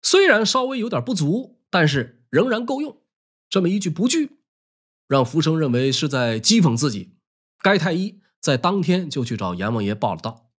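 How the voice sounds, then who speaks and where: Man, husky voice, lively swooping pitch, wry colloquial history storytelling. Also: normal speed.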